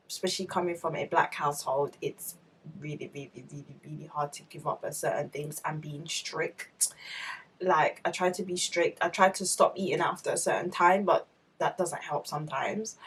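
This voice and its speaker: A woman's voice: lowish voice, breathy edge, rough recording. Chatty twenty-five-year-old woman. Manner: chatty and candid, with lots of "like" and "obviously". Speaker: vlogger. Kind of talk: casual chat to camera.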